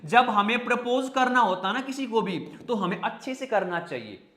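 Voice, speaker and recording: A man's voice: high voice, animated, normal speed, pushed and bright, roomy sound. A man teaching an online vocabulary class in a joking, chatty way, using memory tricks and talking to viewers.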